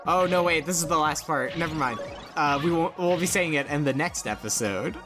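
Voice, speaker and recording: A man's voice: a little high, a little fast. Casual man explaining a game over music. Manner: explanatory, informal. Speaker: let's play co-host guiding the game. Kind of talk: casual game commentary with friends. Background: video game music.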